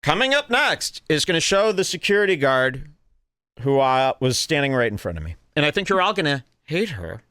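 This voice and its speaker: A man hosts a podcast and tells a comic story with exaggerated indignation. His voice sits a bit high and swings widely in pitch. The recording is dry and close. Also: very animated, normal speed, pushed and bright, no room sound. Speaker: podcast host. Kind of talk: animated comedic storytelling.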